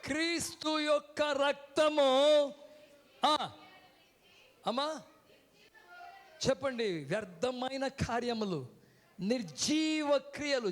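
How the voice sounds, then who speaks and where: A man preaching a sermon from a church stage, calling out to the congregation and having them repeat words back. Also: very high-pitched. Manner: keeps calling out "hello" to the crowd. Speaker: guest preacher. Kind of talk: sermon with call-and-response.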